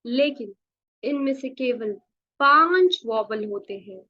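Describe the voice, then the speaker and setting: High-voiced Indian woman teaching English. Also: lively intonation, highs cut off. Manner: explains slowly, repeating words and asking the class questions. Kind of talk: classroom lecture to beginners. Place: classroom with a blackboard.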